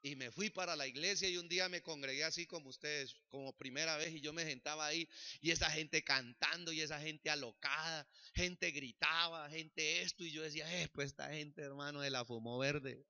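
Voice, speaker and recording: A male pastor preaching a sermon with personal testimony, swinging from shouts to soft, dramatic lines. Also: a little high, fairly even intonation, brisk, clean tone. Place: church sanctuary. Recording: dull lo-fi church recording.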